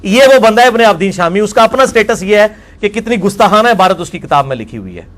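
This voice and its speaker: A man delivering a religious lecture, reading out quoted passages slowly and commenting forcefully. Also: sits high, lively intonation. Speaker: religious scholar.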